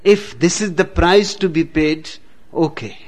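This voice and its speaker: A man giving a spiritual discourse, speaking slowly with long pauses and telling jokes along the way. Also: a little high. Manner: slow, deliberate, dramatic pauses, tells jokes. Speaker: spiritual teacher.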